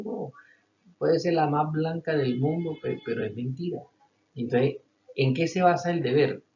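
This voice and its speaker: A man teaching an ethics class, lively and explanatory, acting out short scenes to make his points. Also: mid-range voice, dull audio, a little hiss or hum. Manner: animated, acts out little scenes with a policeman's threats. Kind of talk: recorded ethics lecture.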